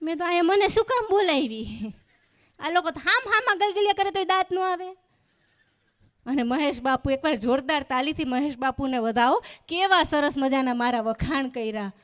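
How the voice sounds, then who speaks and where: A woman's voice: sits high, moderate pace. A woman, telling stand-up comedy stories on stage and acting out the dialogue in them. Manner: animated storyteller acting out dialogue. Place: stage before a live audience.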